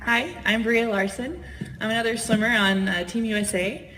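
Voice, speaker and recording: A woman speaking quickly and breezily on an athlete panel. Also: on the high side. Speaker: panelist, swimmer. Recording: loud crowd and heavy noise.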